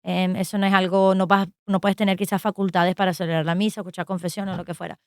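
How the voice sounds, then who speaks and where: Woman, animated radio storyteller, clean dry studio sound. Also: on the low side, fast talker, dry recording. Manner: animated storytelling with many fillers. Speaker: co-host. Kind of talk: casual radio chat about a saint's life.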